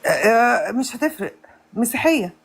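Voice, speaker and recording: A woman caller with an Egyptian accent, talking loudly and defiantly back at a debate host. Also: a little high, big pitch swings, normal speed, husky. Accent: Egyptian Arabic. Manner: loud and defiant.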